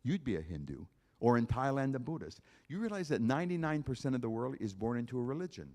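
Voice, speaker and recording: Emphatic man preaching with a mellow voice. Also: mid-range voice, big pitch swings, fast talker. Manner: preaching, emphatic repetition, direct appeals to listeners. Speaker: concert pianist giving testimony. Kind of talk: evangelistic talk at a church concert.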